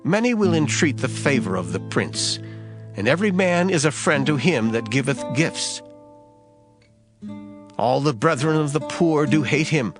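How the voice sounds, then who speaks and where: A man reading scripture aloud in a measured, solemn recitation. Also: on the high side, animated. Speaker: scripture reader. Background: background music.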